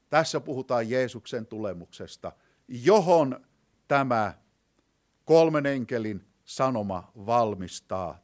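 Man preaching with rising and falling emphasis. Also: a little high. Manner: rhetorical questions, swelling emphasis and dropping to hushed phrases. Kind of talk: sermon.

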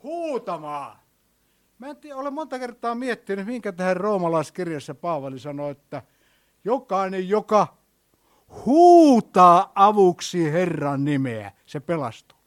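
A man preaching a sermon with a slightly high voice. He tells the story with drama, dropping to a hush and then rising loud, and often turns to ask his listeners questions. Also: lively intonation. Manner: storytelling, swinging between hushed and loud.

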